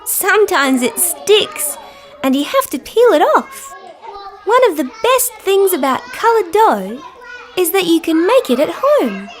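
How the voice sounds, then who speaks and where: A woman voicing a cheerful young female dinosaur who gently presents to small children in a slow, sing-song, wonder-filled way. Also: very high voice, sing-song, full character voice. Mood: playful, gentle. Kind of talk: children's show scripted narration.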